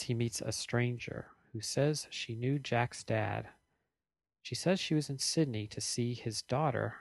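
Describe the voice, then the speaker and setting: A man's voice: on the low side, vocal fry, no room sound. A man co-hosting a podcast, casually recapping a TV episode at length and correcting himself as he goes. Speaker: podcast co-host.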